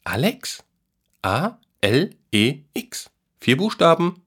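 Man reading as a curious young boy, higher voice, eager, spelling letters slowly. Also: big pitch swings, fairly bright tone, breathy edge, full character voice. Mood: guessing eagerly.

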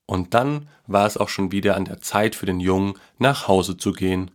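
A man reading a children's Christmas story aloud, in a calm, even storytelling manner. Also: low voice, moderate pace.

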